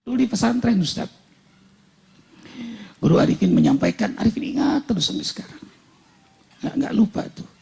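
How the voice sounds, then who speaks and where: A man preaching a sermon in a gravelly voice, quoting Arabic sayings and then translating them. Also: high-pitched, sing-song, moderate pace, long pauses, mellow.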